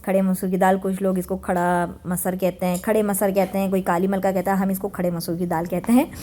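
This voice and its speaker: A woman's voice: medium pitch, little pitch movement, a little fast, dark tone. Chatty woman narrating home cooking. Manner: chatty, homely, mixes English words in. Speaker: cooking vlogger. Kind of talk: casual voice-over narration. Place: home kitchen.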